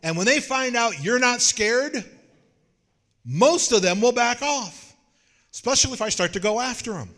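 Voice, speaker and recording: A man preaching a sermon in a folksy, joking way, telling animated stories. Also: very high-pitched, moderate pace, in a large hall. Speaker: pastor.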